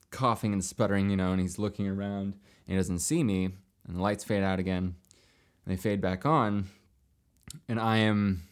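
A young man telling a long story in casual chat, rambling with many fillers and restarts, lively when he quotes others. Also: sits low. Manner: animated when quoting others.

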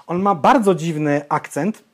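A man's voice: on the high side, unhurried. A young man co-hosting a podcast, blunt and opinionated, ranting and swearing in casual chat. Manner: blunt, swears, ranty and animated. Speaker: podcast co-host.

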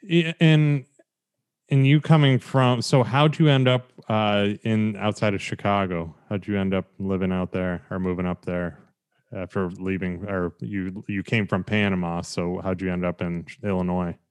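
Man, podcast host, very low voice, smooth tone, rambling, friendly. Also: little pitch movement, moderate pace. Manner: rambling, friendly, frequent uh fillers. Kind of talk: casual interview.

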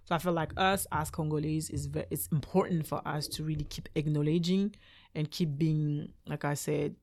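A man's voice: fairly high pitch, fairly even intonation, normal speed, a little mellow. A man from Belgium with a French accent, a podcast guest in loose casual chat full of fillers. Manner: laughing, loose phrasing with many fillers.

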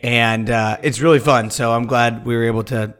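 A man's voice: medium pitch, steady tone, normal speed, a bit bright. A man guesting on a podcast, rambling loosely with lots of fillers. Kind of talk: casual podcast chat.

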